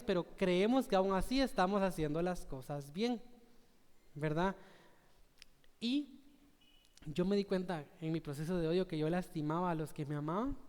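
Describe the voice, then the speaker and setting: Young Guatemalan male preacher, high and smooth, earnest and chatty with the congregation. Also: darkish tone. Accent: Guatemalan Spanish. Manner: earnest, conversational, asks the congregation "¿verdad?". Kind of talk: sermon. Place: church sanctuary. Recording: church hall reverb.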